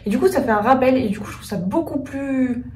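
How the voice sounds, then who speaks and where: A beauty vlogger speaks fairly quickly in a high, darkish voice while casually demonstrating her makeup. She is talkative, thinking out loud with lots of filler "euh." Her voice sounds slightly far from the mic, in an echoey room.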